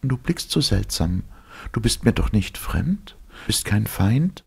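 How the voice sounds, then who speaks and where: A man's voice: lowish voice, big pitch swings, takes it slowly, vocal fry, husky, pitched above the performer's own voice, heavily acted. Man voicing a tender star-born maiden. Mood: longing. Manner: soft, tender, wondering. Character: gentle young star-born woman, tender and fearful. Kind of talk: audiobook reading.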